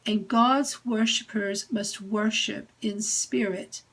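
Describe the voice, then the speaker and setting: An English woman minister giving a gentle, deliberate recorded sermon message. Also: mid-range voice, fairly even intonation, rough recording.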